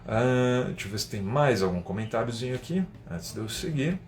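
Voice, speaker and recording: A man's voice: mid-range voice, animated, brisk, a little mellow. A man with a Brazilian Portuguese accent, an English teacher hosting a casual live-stream lesson and reading viewer comments aloud. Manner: chatty, explains step by step, tags sentences with "né?", reads viewer comments aloud.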